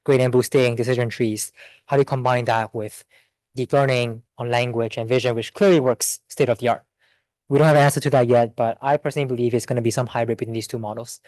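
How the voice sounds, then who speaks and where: A man giving a seminar talk and answering audience questions in a quick, think-aloud way with restarts. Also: medium pitch, steady tone, a little mellow, dry recording. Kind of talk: academic Q&A.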